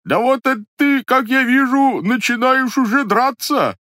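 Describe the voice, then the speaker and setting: A man voicing an old Cossack who hides behind a high, whiny, timid disguised voice, in a storybook reading. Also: a little slow, bright, forceful tone, no echo, clean studio sound, heavily acted. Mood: whining falsetto. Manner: falsetto whine, timid and pleading.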